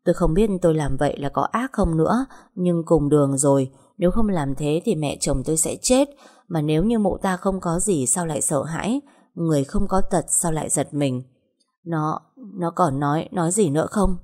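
A woman tells a first-person story. Her voice sits low and she keeps a steady storytelling pace. In dialogue she turns sly and probing. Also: normal speed. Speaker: narrator.

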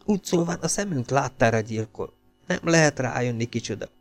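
An excitable, grumbling prince, read by a man who frets and argues in an agitated way. The voice is gravelly and close. Soft music plays in the background. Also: medium pitch, lightly acted.

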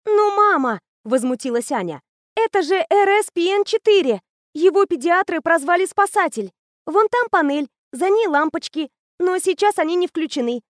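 A bubbly fifteen-year-old girl, as a woman reader puts her on, high and bright as she chatters fast with eager know-it-all excitement. The storybook voice is dry and close, with no room around it. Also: no echo. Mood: indignant, eager. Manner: rapid, gushing, breathless enthusiasm.

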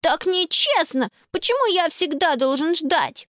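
A woman's voice: sing-song, a little slow, fairly bright tone, no echo, studio quality, heavily acted. Woman doing a whiny little boy. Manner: high, whining, insistent. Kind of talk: audiobook character voice.

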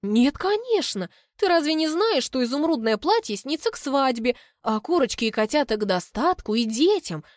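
A woman's voice: high voice, big pitch swings, normal speed, few pauses, no room sound, clean studio sound, pitched above the performer's own voice. A woman voicing a gushing middle-aged mother in an audiobook, in a sugary, syrupy tone.

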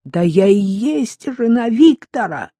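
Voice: mid-range voice, expressive, unhurried, a little mellow, breathy edge, no echo, studio quality. A reader voicing a frantic, tearful deceived wife who pleads breathlessly down the phone in an audiobook. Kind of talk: audiobook reading.

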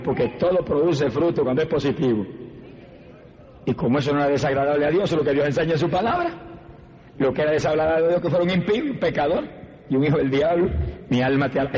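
An older man preaching a sermon as an evangelist, fervent, slowing down for emphasis and then rushing ahead. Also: on the high side, darkish tone. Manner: fervent, shifting between slow emphasis and rapid bursts. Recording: old radio broadcast, dull with long reverb and faint hiss.

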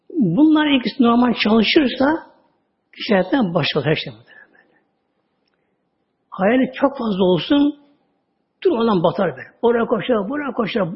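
A man giving a religious talk, telling stories with drawn-out words and sudden drops to a low voice. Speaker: religious teacher. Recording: dull lo-fi audio recording.

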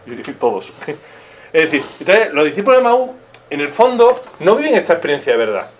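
Lively Spanish man teaching a sacraments class. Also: fairly high pitch, brisk, a little hiss or hum. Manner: animated, asks many rhetorical questions, acts out quoted voices. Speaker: catechist. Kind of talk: informal religious teaching.

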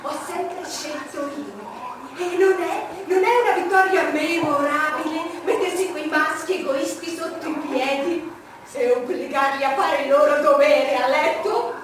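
Haughty high-voiced queen in echoing theatre. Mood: imperious, defiant. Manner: haughty, declamatory, deliberate dramatic pauses. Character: imperious, lustful, proud queen recalling her past. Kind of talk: theatrical stage monologue. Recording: echoey theatre, distant noisy mic.

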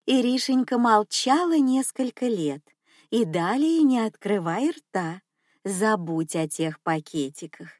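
Slow woman audiobook reader. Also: medium pitch, expressive, a little mellow, dry recording, clean studio sound. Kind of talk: scripted narration.

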